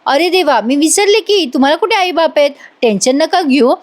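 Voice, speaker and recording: Woman reading scheming aunt, coaxing tone, high pitch. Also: animated, fairly quick. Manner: coaxing, wheedling. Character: scheming middle-aged aunt.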